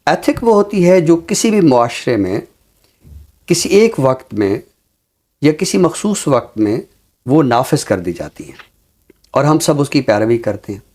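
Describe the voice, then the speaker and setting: A talk show commentator lays out his views in a measured, deliberate and earnest manner, drawing on a literary vocabulary. His medium-pitched voice is slightly mellow and swings widely in pitch.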